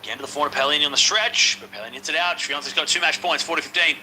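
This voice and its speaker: A man giving casual live play-by-play of tennis matches, excitable and chatty, talking straight to his viewers. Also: on the high side, very fast, a little hiss or hum, poor audio. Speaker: live-stream tennis commentator. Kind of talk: casual watch-along play-by-play commentary.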